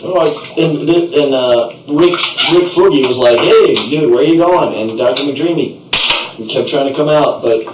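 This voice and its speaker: A man with a fairly high voice, at a moderate pace, improvises a comic story as a puppet show narrator in a playful, rambling, theatrical way. He's in a bathroom bathtub, and the recording is echoey and noisy from a distant mic, with water sounds.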